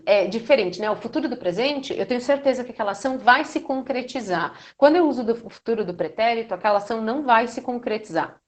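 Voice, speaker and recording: A young Brazilian woman, a Portuguese teacher, explains grammar to teenagers in a casual, affectionate way, tagging her sentences with "né?". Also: a little high. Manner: chatty, affectionate, many "né?" and "então". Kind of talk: casual recorded lesson for teenagers.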